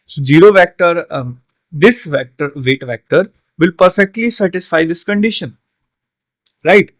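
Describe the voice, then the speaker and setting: A man's voice: sits high, lively intonation, a little slow, no room sound. A man tutoring an exam solution, explaining step by step with frequent fillers and tag questions, a little tired. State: yawning, tired. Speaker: online tutor.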